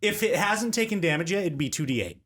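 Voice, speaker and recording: Animated man explaining game rules. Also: sits high, quick pace. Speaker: player. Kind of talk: casual tabletop game chat.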